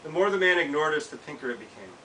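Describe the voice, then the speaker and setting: An animated, racing delivery marks this American man in his thirties, his voice on the high side with a sharp tone. He's an author reading his own personal essay live in a small bookshop, captured by a camera several feet away with hissy, distant sound.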